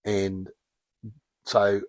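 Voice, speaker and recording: An older Australian man telling stories in a relaxed, wry way as a podcast guest. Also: lowish voice, very slow, dry recording. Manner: chatty, anecdotal, wry. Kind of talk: casual interview storytelling.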